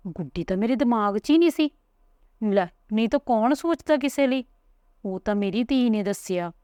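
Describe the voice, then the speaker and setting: A woman voicing a chatty, pushy elderly village grandmother who coaxes and talks without pause. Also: on the high side, lively intonation, dark tone, clean tone, no room sound, studio quality, lightly acted. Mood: coaxing. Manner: talks on and on, coaxing.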